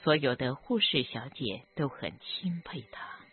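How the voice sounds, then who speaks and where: Slow, lively-pitched doctor narrating on a tinny line. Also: slightly rough. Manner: gentle, measured, moved by the story. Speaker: doctor treating cancer patients. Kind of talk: slow reflective storytelling narration. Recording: tinny phone-like audio with faint background music.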